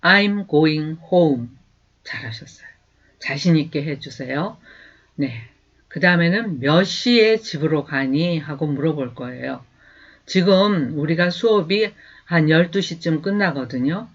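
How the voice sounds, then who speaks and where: A man teaching a beginner language lesson, patiently drilling sentences slowly and repeating them, with an encouraging manner. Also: on the high side. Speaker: English teacher. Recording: dull lo-fi recording.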